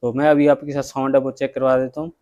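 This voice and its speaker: A man's voice: mid-range voice, level tone, quick pace, dark tone. A man, working as a bike mechanic, giving a step-by-step workshop repair tutorial and addressing viewers as friends.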